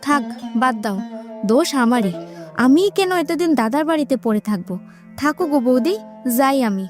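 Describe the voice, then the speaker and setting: A woman's voice: high-pitched, lively intonation, moderate pace, a little mellow, soft background music. A woman voicing a remorseful village woman in a cartoon, rueful and self-blaming. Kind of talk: cartoon voice acting.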